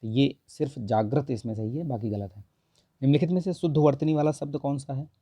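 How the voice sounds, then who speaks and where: A man with a hoarse, strained throat teaching a Hindi grammar lesson for an exam, going through test answers and repeating "okay" often. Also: medium pitch, fairly quick, mellow, no echo. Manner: repeats "theek hai" constantly, corrects answers with mild humor.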